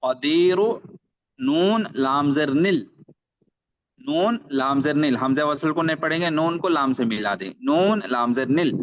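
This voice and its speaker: A man leads an online Quran reading lesson, sounding out letters and vowel marks one syllable at a time. His delivery is slow and deliberate, and he breaks off now and then for brief rule explanations. The recording is muffled and lo-fi. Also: a little high.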